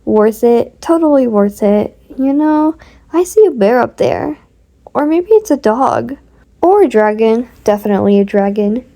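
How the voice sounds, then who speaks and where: A woman's voice: a little high, animated, unhurried, warm tone. A woman voicing a whiny, teasing boy who complains and jokes as he climbs. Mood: playful. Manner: playful, whining.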